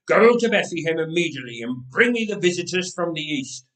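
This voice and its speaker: A man acts out a wicked old storybook king, paranoid and ruthless. He broods and declares with theatrical force, in a fairly high male voice that rings in an echoing room. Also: animated, brisk, fairly bright tone. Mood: alarmed, commanding. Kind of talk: dramatic storybook reading. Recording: roomy echoing voice recording.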